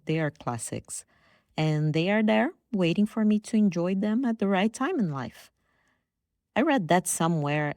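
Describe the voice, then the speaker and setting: A low-voiced, slightly mellow woman from Brazil, whose first language is Brazilian Portuguese, hosts a podcast with a reflective personal monologue. She tells stories in a playful, self-deprecating way, and the recording is dry and of studio quality.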